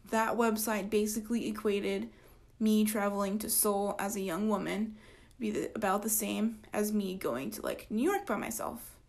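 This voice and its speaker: A woman in her twenties hosting a casual solo podcast, tired and yawning, rambling with lots of fillers and soft trailing endings. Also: medium pitch. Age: 20s. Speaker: podcast host.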